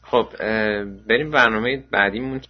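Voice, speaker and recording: Deep voiced guy hosting, halting, dull recording. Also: slightly rough. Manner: hesitant, many "uh" fillers. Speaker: radio podcast host. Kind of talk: casual chat. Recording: muffled lo-fi recording.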